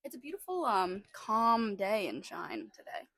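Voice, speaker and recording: A woman's voice: medium pitch, big pitch swings, unhurried, gravelly, a bit bright, no room sound. A young woman co-hosting a podcast, chatting in a giggly, teasing way. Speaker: podcast co-host. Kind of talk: casual chat.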